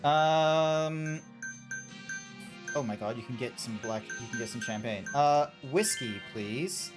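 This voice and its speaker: A video game streamer giving casual, halting live commentary and reading game text aloud, often flustered and exclamatory. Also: mid-range voice, music in the background.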